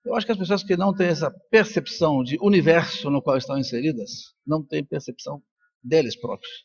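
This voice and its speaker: A fairly high, darkish voice with a breathy edge belongs to an older Colombian neuroscientist and professor, a native Spanish speaker talking fast at a congress. His talk is informal and reflective, woven with personal stories, and the audio is dull.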